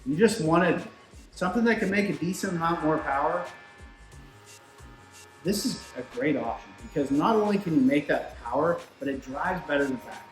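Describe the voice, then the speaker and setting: A man's voice: a little high, lively intonation, normal speed. A man in casual, explanatory technical shop talk, speaking conversationally as a product expert, with machines running behind him. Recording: roomy echo, music, machinery behind. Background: shop machines running in the background.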